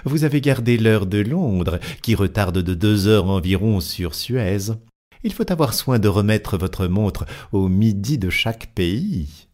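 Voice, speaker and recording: A man voicing a male police inspector in an audiobook, asking questions in a measured, deliberate way. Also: on the low side, animated, darkish tone. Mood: probing. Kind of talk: audiobook character voice.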